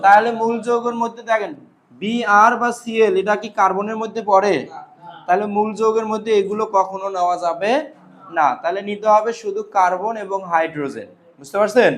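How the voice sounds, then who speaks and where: High-voiced male chemistry teacher. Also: fairly even intonation, fairly quick, a bit bright. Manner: drills students with repeated questions and answers. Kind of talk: classroom lecture with call-and-response questions. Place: classroom.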